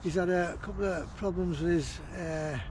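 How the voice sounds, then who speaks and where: A man's voice: high voice, steady tone, normal speed, a little mellow, slight background noise. A man vlogging a fishing trip from a riverbank, chatting casually and rambling with fillers. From northern England. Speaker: angling vlogger. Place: riverbank outdoors. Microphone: action camera.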